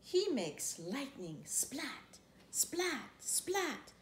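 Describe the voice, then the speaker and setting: Extremely slow and very animated, this woman's high voice carries a children's picture-book read-aloud full of drawn-out words and playful imitated noises. She's in her thirties, sitting on a living room couch indoors, and a camera a few feet away records roomy, echoey sound with faint noise.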